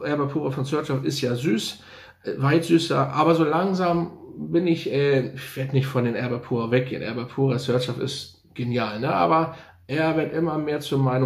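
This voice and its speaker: In a casual, unscripted fragrance review, a man thinks aloud with enthusiasm, repeating his slang praise as he goes. His medium-pitched voice sounds reverberant.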